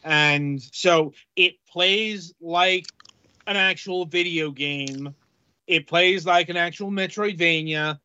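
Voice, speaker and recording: A man co-hosting a casual game-review podcast, talking haltingly with many fillers. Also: on the high side, sharp tone, clear, resonant tone, muffled recording. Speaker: podcast co-host reviewing games.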